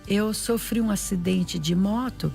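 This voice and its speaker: A woman's voice: mid-range voice, a little slow, gravelly, warm tone, soft background music. A woman with a Brazilian Portuguese accent, giving an emotional faith testimony in an interview, repeating herself and acting out what people said. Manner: heartfelt, repetitive, often reenacts dialogue and prayers.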